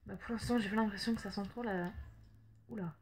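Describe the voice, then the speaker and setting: A woman's voice: mid-range voice, steady tone, brisk, a little mellow, breathy edge, faint music behind. A French woman chatting casually through a makeup haul at home, hesitant, with many fillers and apologetic restarts. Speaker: beauty vlogger.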